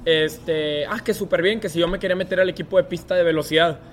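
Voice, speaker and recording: A man's voice: a little high, steady tone, fast talker, a little hiss or hum. A young man with a Mexican Spanish accent, a guest telling a story in a casual interview and acting out other people's lines as he goes.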